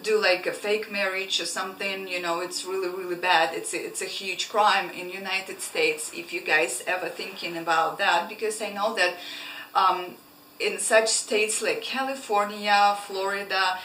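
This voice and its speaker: A woman's voice: medium pitch, fairly even intonation, moderate pace, pushed and bright. A young woman from Ukraine, chatting casually in a vlog with many fillers and restarts. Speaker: travel vlogger. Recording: roomy, slightly distant mic, faint room noise.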